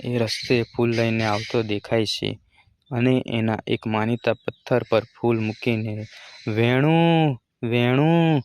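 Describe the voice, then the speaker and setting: A man reading a folk story aloud in a steady, measured way. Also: lowish voice, slight background noise.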